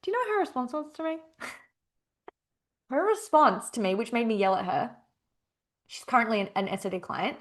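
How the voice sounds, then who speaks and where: A young adult woman hosting a casual solo podcast as a coach, emphatic and expressive, repeating phrases and swearing freely. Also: fairly high pitch, brisk, long pauses.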